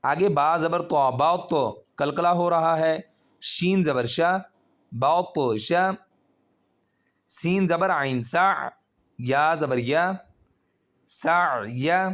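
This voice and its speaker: A man's voice: a little high, slow, pauses often. A man teaching Quran recitation step by step, patiently spelling out letters and drawing out syllables.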